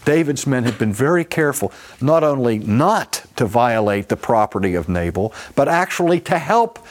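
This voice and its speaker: Male preacher, medium-pitched voice, lively storytelling sermon. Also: normal speed. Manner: animated storytelling, acting out scripture voices.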